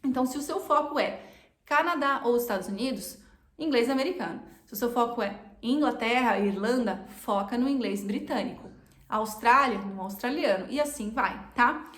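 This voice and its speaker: A woman's voice: a little high, moderate pace, roomy sound. A Brazilian woman with a Brazilian Portuguese accent, teaching an online English lesson in a chatty way and repeating her points for emphasis.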